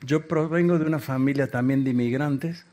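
A man from Argentina, preaching a sermon in short phrases and pausing for an interpreter. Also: medium pitch, darkish tone. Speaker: guest preacher.

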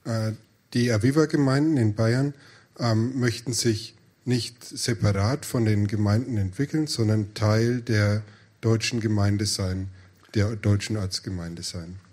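A man's voice: fairly low pitch, measured pace, a little mellow. A man interpreting a sermon phrase by phrase, with hesitations and self-corrections.

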